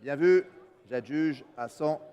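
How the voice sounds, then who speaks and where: A man's voice: on the high side, unhurried, dark tone, clean tone. A man announcing lots and calling bids formally as an auctioneer in a saleroom. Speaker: French-language co-auctioneer. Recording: reverberant large hall.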